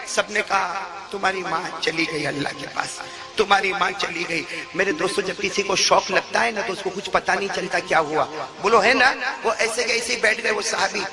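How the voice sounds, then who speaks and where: A male preacher telling a story in a sermon, calling on the audience to answer him. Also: sits high. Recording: background music.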